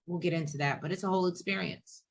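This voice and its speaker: A woman's voice: on the low side, fairly even intonation, quick pace. A woman co-hosting a casual recap chat, adding wry quips. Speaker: podcast co-host.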